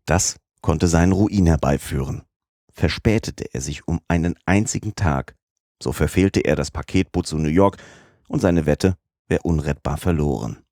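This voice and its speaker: A man narrating a classic adventure novel as an audiobook in a measured, even storytelling manner. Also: very deep voice, no room sound, studio quality.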